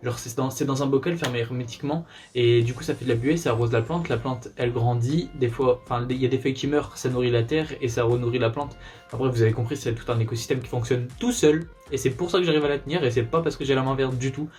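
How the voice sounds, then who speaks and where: A young man with a light northern French accent talks quickly and casually, answering fan questions in a relaxed, slangy vlog style. His voice sits at a middle pitch, with faint music playing behind him. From northern France. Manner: chatty, slangy, laid-back. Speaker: YouTuber.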